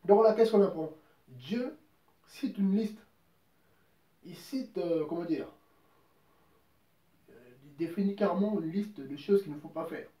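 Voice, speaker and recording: A man delivers an informal sermon in a slightly high but mellow voice, repeating himself for emphasis and quoting scripture at length. He sits back from the microphone, and the room adds a noticeable echo. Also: unhurried, long pauses, far from the mic. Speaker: preacher. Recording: roomy echo, voice from off mic.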